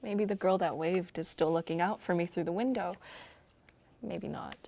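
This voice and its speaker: A woman playing a young woman facing her end together with her partner, speaking softly and tenderly in a drama reading. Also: lowish voice, moderate pace, gravelly. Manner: soft, tender, often hushed. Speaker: actor. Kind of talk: staged radio-style drama reading.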